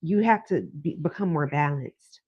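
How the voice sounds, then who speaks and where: A woman's voice: sits low, expressive, moderate pace, husky, no room sound, dull audio. A woman hosting a live call-in as a psychic card reader, chatting casually and drawing out words for emphasis. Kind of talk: casual live-stream chat and card reading. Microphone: phone propped on a desk.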